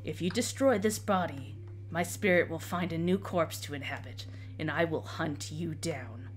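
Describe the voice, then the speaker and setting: Lady doing a raspy undead knight corpse, low and breathy, cold, grave and doomed, tabletop game villain. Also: normal speed, soft background music, lightly acted. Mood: grim, threatening. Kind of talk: in-character tabletop game role-play.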